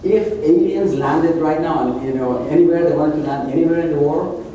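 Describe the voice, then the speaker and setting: Male seminar host, warm tone, banters with the crowd, recorded from afar in a reverberant room. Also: a little high, brisk, a little hiss or hum. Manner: chatty, jokey, engages the audience. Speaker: real estate club founder and host. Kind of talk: seminar talk to an audience. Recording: echoey meeting room, mic at a distance.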